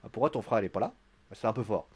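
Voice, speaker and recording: A man's voice: on the low side, very fast, a little mellow, slightly rough. A man giving a casual live-stream recap of a wrestling show, chatty and joking, with theatrical asides to his viewers.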